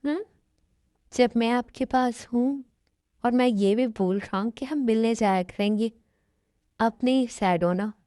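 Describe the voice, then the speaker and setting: A woman's voice: on the high side, a little slow, pauses often, dry recording, studio quality, close to an everyday voice. A woman voicing a tender, protective young husband. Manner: soft, coaxing and protective. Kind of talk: amateur fan-story dub.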